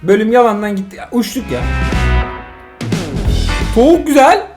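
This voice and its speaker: A middle-aged man, a father, playing a mobile driving game with his son and commenting casually, excitable and exasperated by turns, full of jokes. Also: very high-pitched, unhurried, music in the background.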